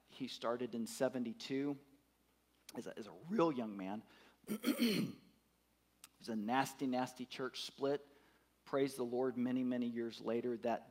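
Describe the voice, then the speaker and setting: Man, fifties, preacher, emphatic sermon, repeats words, asks the congregation questions, mid-pitched voice. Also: darkish tone. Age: 50s. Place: church.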